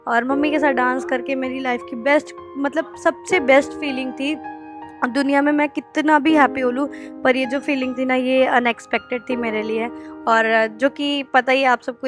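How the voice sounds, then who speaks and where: Young woman vlogger, fairly high voice, heartfelt chatty narration, background music loud under her. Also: low-quality recording. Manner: heartfelt, chatty, mixes English words into Hindi. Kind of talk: casual vlog narration.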